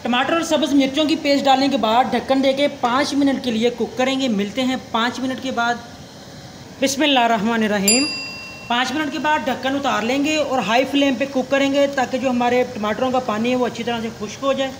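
A man's voice: very high voice, fairly even intonation, brisk. Young guy walking through a recipe step by step, polite and formal, bit of faint kitchen noise behind. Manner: polite, formal, with religious greetings. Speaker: cooking channel host. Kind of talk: step-by-step cooking tutorial.

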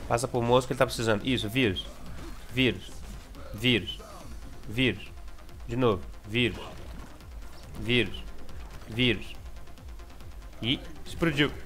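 A young Brazilian gameplay streamer with a mid-range voice and a Brazilian Portuguese accent talks casually over his game. He's excitable, repeats words, and breaks into sudden shouts.

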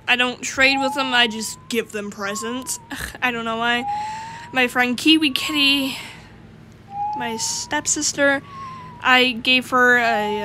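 A woman's voice: a little high, background noise. A woman giving casual gameplay commentary, rambling as she lists items aloud and giggles often. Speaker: gamer.

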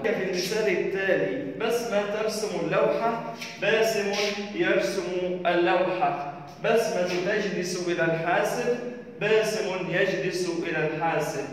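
A man teaching a primary school lesson, reading textbook questions aloud slowly and then giving the answers. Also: high-pitched, slight background noise. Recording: echoey hall from far off.

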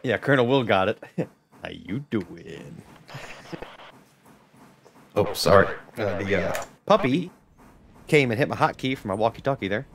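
A man's voice: on the low side, animated, a little fast, fairly bright tone, a little hiss or hum. A man giving chatty, joking commentary on a live gameplay stream and greeting viewers. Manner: joking, chatty, talks to chat. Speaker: game streamer.

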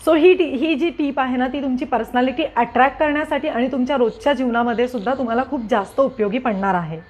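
A woman's voice: high-pitched, quick pace, a little mellow, a little hiss or hum. A woman giving grooming and manners tips to her viewers in an earnest, repetitive way, slipping English words into her speech. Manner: earnest, repeats points, mixes in English words. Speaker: lifestyle vlogger. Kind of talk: casual advice talk to camera.

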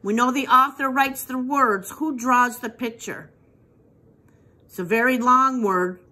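A woman's voice: on the high side, measured pace, sharp tone. A woman teacher reading a picture book aloud to young children, patiently asking them questions and praising their answers. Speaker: preschool teacher.

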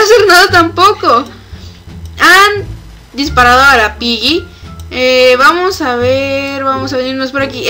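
High bright young woman, excitable let's-play commentary, faint game music behind. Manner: excitable, shrieks and laughs when chased. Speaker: gamer.

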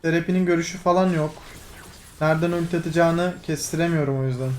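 A young man talks through his gameplay in a fairly high voice. He is excitable and teasing, jumping between calm play-by-play, laughs and loud outbursts at his teammates. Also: fast, slight background noise. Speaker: gaming streamer. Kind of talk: live gameplay commentary.

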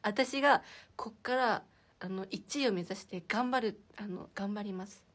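A woman's voice: mid-range voice, measured pace, fairly bright tone. A young woman hosting a casual livestream from indoors, chatting and giggling as she reacts to viewer comments. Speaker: idol livestream host.

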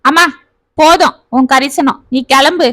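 A woman's voice: high-pitched, unhurried, pushed and bright, no room sound. A woman voicing a proud, stubborn young mother in a spoken family story, defiant and then anxious.

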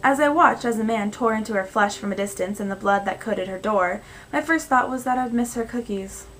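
A young adult American woman narrating first-person fiction in a measured, conversational reading style. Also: mid-range voice, a bit bright. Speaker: storyteller. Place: small indoor room at home. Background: music, guitar.

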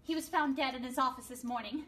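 A woman's voice: high-pitched, fast, a bit bright, distant mic. A woman playing a mysterious woman who hires a private eye to solve her cousin's murder, in a noir radio drama. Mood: earnest. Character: mysterious young woman client, pleading femme fatale.

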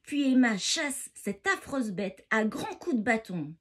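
A woman's voice: on the high side, big pitch swings, unhurried. A woman reading a bedtime story to children, talking to them directly and expressively.

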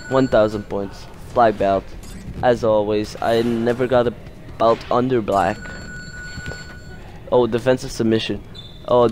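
Slow-talking excitable gamer guy. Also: mid-range voice, a little hiss or hum. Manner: excitable, yells at the game during fights. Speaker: gaming commentator. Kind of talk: casual let's-play commentary.

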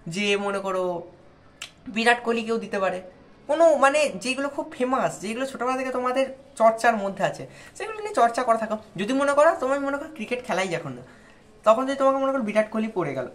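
A woman from India talking straight to students, giving patient, step-by-step advice on speaking in front of others. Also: medium pitch. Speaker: tutor giving exam advice. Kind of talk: instructional talk to viewers.

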